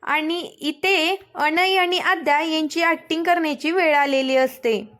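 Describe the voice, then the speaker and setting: A woman narrating a recap of a TV serial episode in a steady storytelling manner, reading the characters' lines without acting them out. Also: high voice, measured pace. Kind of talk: plain spoken recap narration.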